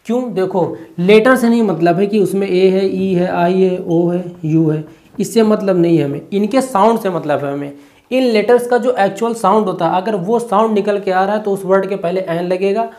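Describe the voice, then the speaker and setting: A teacher giving an exam-prep lesson, stepping through each point by asking a question and then answering it, and checking in often with a quick "okay". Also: mid-range voice, a little mellow. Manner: asks and answers own rhetorical questions.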